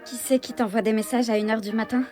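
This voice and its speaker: A synthetic woman's text-to-speech voice reading dialogue for a short skit, in an even, machine-like delivery. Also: fairly high pitch, fast talker, soft background music. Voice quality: synthetic, evenly paced.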